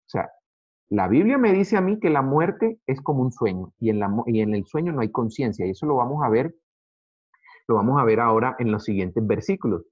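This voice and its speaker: A man teaching an Adventist Bible study in an earnest way, addressing his listeners as brothers and slowing down to read verses aloud. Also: medium pitch, expressive, breathy edge. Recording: dull lo-fi recording.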